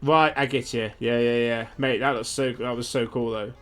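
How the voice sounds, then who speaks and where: A man's voice: mid-range voice, fairly even intonation, normal speed, soft background music. A young man streaming a game, chatting casually and animatedly, swearing freely. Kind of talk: casual gaming chat.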